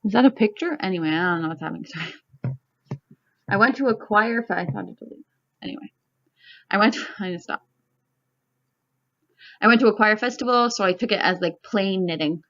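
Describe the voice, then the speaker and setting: A young woman from Canada chats at home about her knitting in an easy, rambling way. Her talk wanders and is padded with constant "like" and "um" as she thinks aloud. Her pitch sits in a middle range, and the recording sounds a little dull and muffled. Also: fairly quick, long pauses, fairly bright tone. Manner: rambling, filler-heavy, peppered with "like" and "um". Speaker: knitting vlogger. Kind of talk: casual chat.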